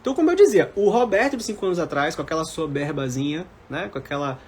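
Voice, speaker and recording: Fast and husky, with a fairly high pitch and lively intonation, a Brazilian-accented man of about forty gives informal motivational talks on a live stream. As a mentor to civil service exam candidates, he is emphatic and keeps repeating his main phrases.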